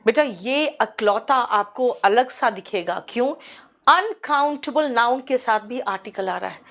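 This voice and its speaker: A woman with a Hindi accent teaching an online English class from a small studio, explaining patiently and saying the English examples slowly. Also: a little high, expressive, a bit bright. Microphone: studio microphone.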